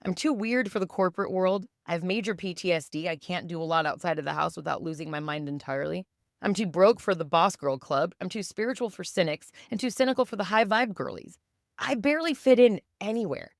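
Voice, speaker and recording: Low-voiced woman, raw and self-mocking. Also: brisk, gravelly, no room sound, studio quality. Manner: raw, self-deprecating, confessional. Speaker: podcast host. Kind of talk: candid personal monologue.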